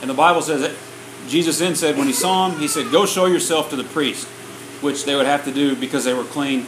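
A man delivers a sermon in short chunks, retelling it in a plain, conversational way with a slightly high voice. The room is roomy and echoes around him. A faint air-conditioner hum runs underneath. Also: a little slow. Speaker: preacher. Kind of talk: sermon storytelling, paused for interpretation.

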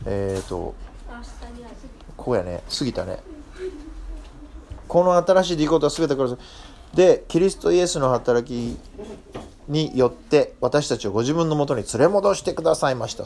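Youth teacher, a man with an animated, swinging voice, chatty and full of questions to the group. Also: fairly high pitch, a little hiss or hum. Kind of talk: interactive Bible talk to young listeners.

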